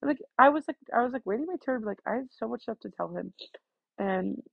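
A teenage girl with a nasal voice, rambling fast through a casual solo vlog, full of "like". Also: a little high, lively intonation, vocal fry, slightly rough, no echo, muffled recording. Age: teens. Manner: fast-talking, scattered, full of "like". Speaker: student vlogger.

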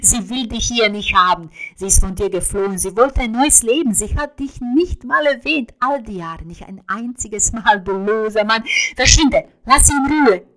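A woman voicing a brash, hotheaded young male jazz musician who curses and shouts. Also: high voice, normal speed, voice pushed up, low-quality recording. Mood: furious. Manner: loud, cursing, agitated.

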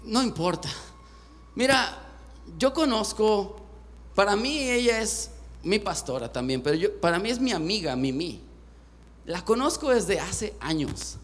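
A man's voice: sits high, a little slow, pauses often, slight background noise. A young Mexican man preaching a sermon with a Mexican Spanish accent, joking and poking fun at himself as he talks to his congregation. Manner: joking, self-deprecating and lively. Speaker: pastor. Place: church sanctuary. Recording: echoey church hall.

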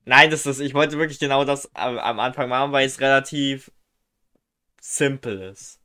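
Bright-voiced young man, loose chat. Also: mid-range voice, normal speed, clear, resonant tone. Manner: loose, excitable, slangy. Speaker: co-host. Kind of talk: casual chat.

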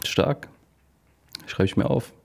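A man's voice: slow, darkish tone. A young man co-hosting a casual podcast, easygoing and rambling, laughing often. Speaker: podcast co-host. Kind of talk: casual chat.

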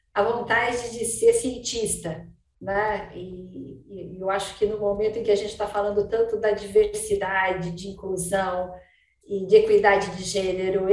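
A woman hosting an interview, introducing her guest in an admiring, formal way. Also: medium pitch. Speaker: interview host. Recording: roomy, distant from mic.

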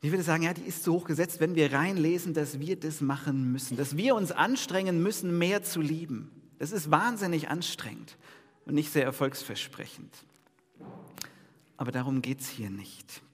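Male pastor, conversational sermon delivery, slightly high voice, echoing church hall. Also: moderate pace, breathy edge. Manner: lively, conversational preaching with audience questions.

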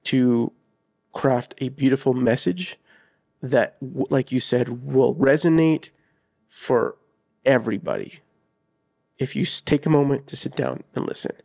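Podcast cohost guy, gravelly fry in his voice, earnest and rambly, lots of "like". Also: medium pitch, steady tone, measured pace, pauses often, darkish tone. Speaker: podcast co-host. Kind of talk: casual chat.

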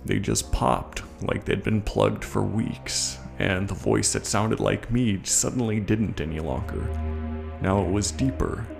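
A man with a lowish, gravelly voice plays a bitter, haunted military veteran as the narrator of a scripted first-person horror short story. He speaks in an unhurried, conversational, confiding way, profane and addressing the listener directly, over a music soundtrack.

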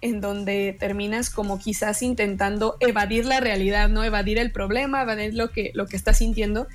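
A woman, a guest expert explaining emotions in calm conversation, measured and pausing to repeat her words. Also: mid-range voice, faint music behind.

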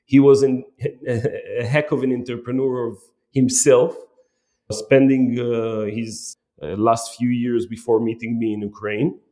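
Man telling his story haltingly. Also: medium pitch, flat delivery, warm tone. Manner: halting, restarts phrases. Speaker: company CMO, guest. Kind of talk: interview storytelling.

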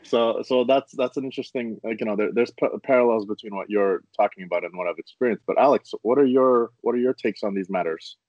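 A man's voice: fairly low pitch, fast, few pauses, darkish tone, no room sound, dull audio. A man from Afghanistan hosting a casual conversation, curious and thoughtful, often restarting his sentences.

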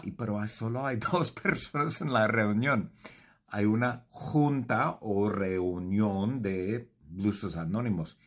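Husky male storyteller, goofy and lively, swoops into high shouts; comic improvised tale. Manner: playful, animated, jumps into high shouted voices.

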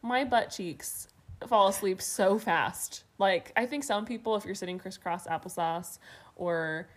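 A woman co-hosting a casual chat, explaining points clearly with playful asides, recorded on the floor under a blanket fort. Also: mid-range voice, measured pace. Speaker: podcast co-host.

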